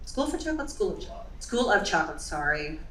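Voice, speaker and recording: An American woman addresses a live audience as an event speaker, chatty and often checking in with "right?" and "you know." Her lowish voice is bright and sing-song at a quick pace, recorded off-mic from a distance in an echoey room with slight background noise.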